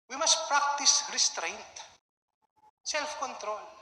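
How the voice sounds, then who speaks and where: A young man giving an animated sermon to a youth conference, acting out voices and mixing English into his talk. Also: very high voice, slow. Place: large hall. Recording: echoey hall with faint music.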